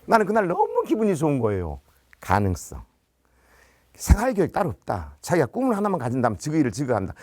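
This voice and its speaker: Animated man telling a story in a lecture. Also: sits high, no room sound, clean studio sound. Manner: animated, acts out dialogue. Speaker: teacher giving a lecture. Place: business center lecture.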